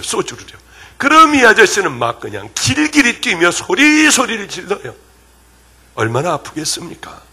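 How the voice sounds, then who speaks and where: Middle-aged male pastor, husky and bright-toned, emotional revival preaching with a lively, rising-and-falling pitch. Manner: emotional storytelling, swinging from loud to hushed. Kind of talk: sermon. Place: revival meeting hall.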